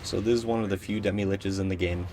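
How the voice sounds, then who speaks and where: A man's voice: low-pitched, steady tone, fast, darkish tone, faint music behind. A young man giving casual gameplay commentary, rambling and unsure, with many ums. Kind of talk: casual let's play commentary.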